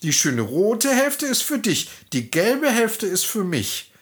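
A storyteller voicing a sly old farmer woman, high-voiced and falsely friendly. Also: very animated, slow pace. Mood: coaxing.

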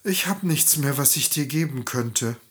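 A man's voice: mid-range voice, lively intonation, moderate pace, fairly bright tone, lightly acted. A man voicing a poor, frightened young woman who pleads anxiously.

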